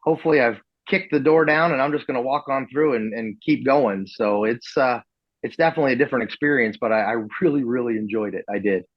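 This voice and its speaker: Talking fast at a medium pitch, an event promoter guests on a podcast with a relaxed, modest manner and frequent restarts. The recording is dry and sounds dull.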